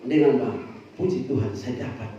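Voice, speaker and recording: Animated pastor, distant in a booming hall, muffled sound. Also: male voice, moderate pace, slight background noise. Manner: animated storytelling with bursts of loud emphasis. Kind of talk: sermon. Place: church hall. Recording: distant, echoey, dull church recording.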